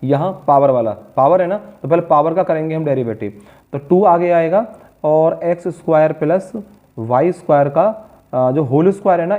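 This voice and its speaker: Male maths tutor, fairly high voice, patient and coaxing, phone-quality sound. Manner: patient, coaxing, calls students "beta" and "bachche". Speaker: maths teacher. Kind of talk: board-exam maths lesson. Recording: tinny phone-like lo-fi audio.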